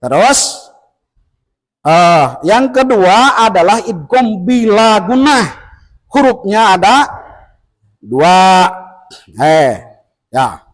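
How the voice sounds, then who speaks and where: A man teaching tajwid to a group of village men, explaining rules patiently and chanting examples slowly. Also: high-pitched, sing-song, low-quality recording. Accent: Indonesian. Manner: patient and instructive, chants verses slowly to demonstrate. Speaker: Quran recitation teacher. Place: village study gathering indoors.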